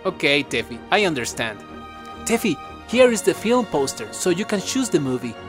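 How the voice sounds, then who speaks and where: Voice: medium pitch, very animated, unhurried, soft background music. A performer playing a friendly, chatty companion in an upbeat, exaggerated language-lesson dialogue for children. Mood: friendly, encouraging. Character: friendly, chatty English-speaking companion named Chris.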